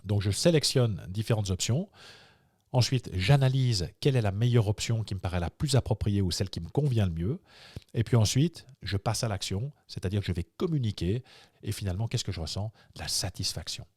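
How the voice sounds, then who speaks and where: A man's voice: fairly low pitch, animated, brisk, a little mellow, no room sound, studio quality. A man coaching in a video workshop, talking with many fillers and repeated words, and acting out example inner thoughts. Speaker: life coach.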